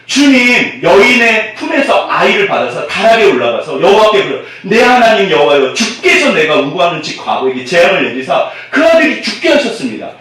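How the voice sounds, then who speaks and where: A man preaching a sermon as pastor. He keeps asking the congregation questions and swings from loud, emphatic bursts to near-whispered asides. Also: high-pitched, a little fast, hardly any pauses. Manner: animated, call-and-response questions to the congregation. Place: church sanctuary. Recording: echoey church hall, mic at a distance.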